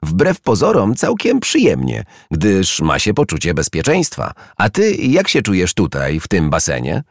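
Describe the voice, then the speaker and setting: A man's voice: low voice, wildly swooping pitch, unhurried, no room sound, studio quality, voice pushed up, exaggerated voice. A man voicing a small, timid but brave male hedgehog in a children's story, speaking politely and a little nervously.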